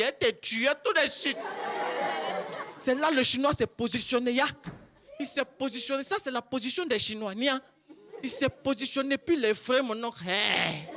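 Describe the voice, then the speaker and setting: Shrill, animated comic storyteller. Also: male voice, slight background noise. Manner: animated, bursts into shouts and cries. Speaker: stand-up comedian contestant. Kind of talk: stand-up storytelling sketch. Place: stage before a live audience.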